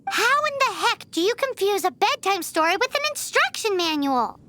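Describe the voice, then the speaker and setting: A woman voicing a tiny, cheeky fairy companion in a video game, with a squeaky childlike voice and a perky, exclamatory way of talking. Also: very animated, normal speed, bright, forceful tone, exaggerated voice. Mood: teasing disbelief.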